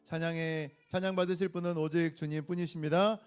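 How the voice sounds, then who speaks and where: A man's voice: a little high, little pitch movement, brisk, clear, resonant tone. A man leading a children's sermon, playful and coaxing, having the kids repeat lines after him and running a quiz. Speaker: pastor leading a children's message.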